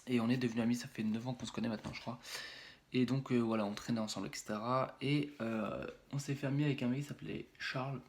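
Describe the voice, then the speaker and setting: Rambling young French YouTuber telling a story. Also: male voice, medium pitch, fairly even intonation, fast talker. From France. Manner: rambling, many fillers and restarts, acts out hits with sound words. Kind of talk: casual storytelling vlog.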